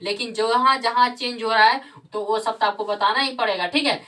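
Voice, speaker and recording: A woman's voice: on the high side, fairly quick, pushed and bright, distant mic. A woman teaching Sanskrit grammar, who asks the class questions, answers them herself and repeats the key terms. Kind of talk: classroom lesson with call-and-response questions.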